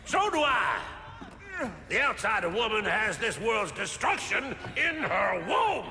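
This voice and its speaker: An actor playing a fanatical, menacing cult preacher and torturer in a video game, swinging into shouts. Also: male voice, high voice, very animated, unhurried, a little hiss or hum, full character voice. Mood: fanatical, wrathful. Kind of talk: dramatic video game acting. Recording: echoey hall with loud music.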